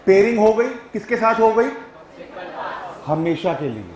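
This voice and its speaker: A man's voice: high-pitched, animated, measured pace, a little mellow, echoey room, a little hiss or hum, low-quality recording. A male teacher giving a classroom grammar lecture, who keeps checking whether his students follow and coaxes them along.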